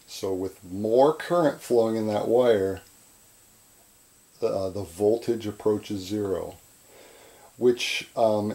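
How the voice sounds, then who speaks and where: A man teaches in an informal lecture style. His voice is soft-edged and mellow, at a middling pitch. He goes a little slowly and haltingly, circling back over phrases and checking in as he explains. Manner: halting, repetitive, checks in with "right?". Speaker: instructor. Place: indoors at a chalkboard.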